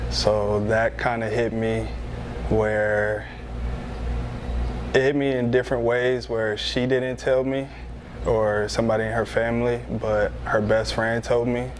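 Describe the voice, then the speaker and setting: A man in his twenties talks plainly as a panel guest. His voice is flat, with little rise and fall. An air-conditioned hum and room noise sit behind him. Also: fairly low pitch, a little slow. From Arizona. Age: 20s. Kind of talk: casual group discussion.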